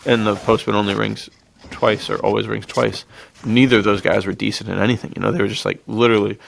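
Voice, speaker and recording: A man co-hosts a podcast about films, keeping the discussion informal, laid-back and full of slang. His voice is lowish, level and creaky, and he talks fast.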